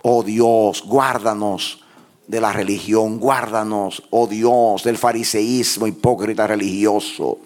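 A pastor leading a fervent prayer in church, moving between hushed low pleas and raised impassioned cries. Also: male voice, fairly even intonation, slow.

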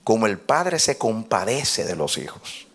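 A man preaching a sermon to a congregation, swinging from loud shouts down to hushed whispers. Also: on the low side, sing-song, unhurried, breathy edge. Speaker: pastor. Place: church.

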